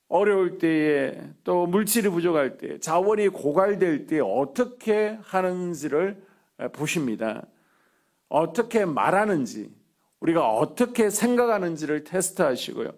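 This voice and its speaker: A man preaching a sermon as a pastor, earnest, with many drawn-out "ah" fillers between phrases. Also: fairly high pitch.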